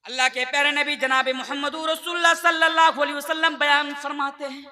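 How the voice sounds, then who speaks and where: A man's voice: fairly even intonation, a little fast, bright, forceful tone, faint music behind. A man in his twenties from India preaching a sermon to a live gathering, declaiming with passion and calling on the crowd to respond. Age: 20s. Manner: impassioned, high-pitched declamation with call-and-response to the crowd.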